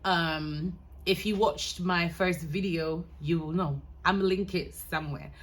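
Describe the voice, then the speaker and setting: A woman's voice: lowish voice, fairly even intonation, slow. A young woman from Ghana with a mixed American, Ghanaian and London accent, chatting candidly to camera in a rambling, casual way. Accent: mix of American, Ghanaian and London. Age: young adult. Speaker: vlogger.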